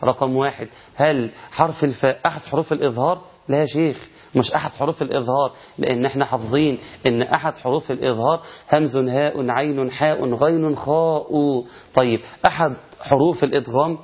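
Egyptian-accented male tajweed teacher, fast and animated, self-questioning delivery, slightly muffled lo-fi recording. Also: medium pitch, husky. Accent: Egyptian Arabic. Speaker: Quran recitation teacher. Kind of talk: colloquial recitation lesson.

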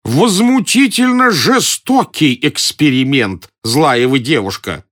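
A man's voice: medium pitch, very animated, moderate pace, fairly bright tone, voice pushed up. A man playing a timid, pedantic elderly male professor in an audiobook, whining and indignant. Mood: fussy, whiny. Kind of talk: audiobook character voice.

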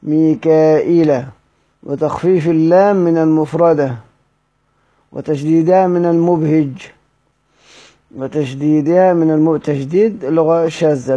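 Male teacher, Egyptian accent, higher-pitched and mellow, halting lesson delivery on a dull lo-fi recording. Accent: Egyptian Arabic. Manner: halting, restarts words, drawls out the names of readings slowly. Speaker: Quran readings teacher. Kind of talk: recorded lesson on Quranic readings.

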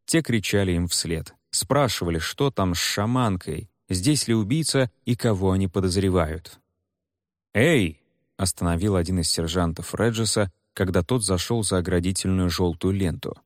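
Low-voiced expressive male narrator. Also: normal speed, few pauses, no room sound, studio quality. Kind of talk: audiobook narration.

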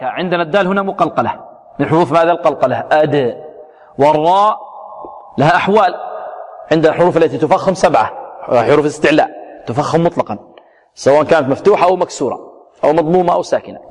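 A fairly high-voiced man teaches Quran recitation, stretching out each example word with care before snapping back to brisk correction. He quizzes his students and answers his own questions. His voice rings with a long reverb, as if in a large hall. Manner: slow, drawn-out demonstrations of each word, then quick corrections; asks questions of the students and answers them himself. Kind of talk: tajweed lesson with recited examples.

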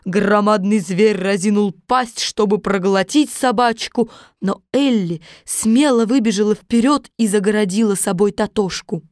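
A woman narrating a children's story in a measured, unhurried reading. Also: mid-range voice, a little mellow, dry recording, studio quality.

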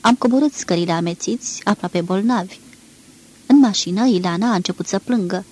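A woman narrating a literary novel aloud in a measured, expressive reading, with a husky voice. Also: medium pitch. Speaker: audiobook reader.

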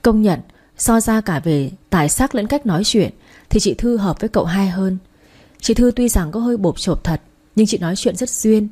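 A woman's voice: medium pitch, lively intonation, moderate pace, warm tone, breathy edge. A woman narrating a story in the first person.

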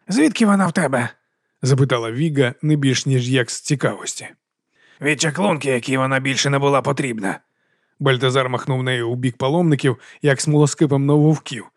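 A man reads a fantasy audiobook aloud at a measured, even pace. His voice sits in a middle register. The recording is dry and close. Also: medium pitch, no echo. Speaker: audiobook narrator. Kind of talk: audiobook narration.

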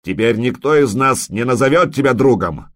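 A snarling berserker warrior, voiced by a man, all fury and heavy slow roars, pushed up high and loud. Recorded dry, close and plain. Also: lively intonation, no room sound, natural voice. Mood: furious roaring. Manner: roaring, snarling.

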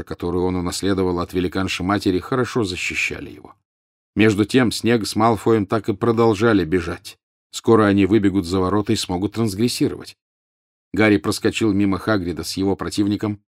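A man's voice: low voice, no room sound, clean studio sound. A man narrating an audiobook in a tense, urgent reading style.

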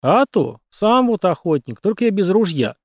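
A talkative country taxi driver, a simple hunting man, as an audiobook narrator plays him. He rambles folksily, raised above a plain speaking voice and lively in pitch. Dry, close recording. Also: dry recording. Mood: folksy. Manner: folksy, unhurried talk. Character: chatty rural taxi driver and hunter, man.

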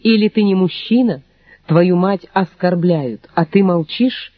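A man putting on a shrill scheming old mother-in-law. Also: measured pace, no echo, phone-quality sound. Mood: shrill demanding. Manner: theatrical, imperious, wailing.

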